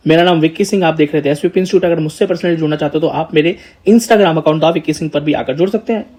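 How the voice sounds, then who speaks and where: A man's voice: a little high, very fast, darkish tone. Chatty man explaining to students. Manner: chatty, addresses viewers as brother and child. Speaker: educator, channel host. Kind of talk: casual explanatory talk to students.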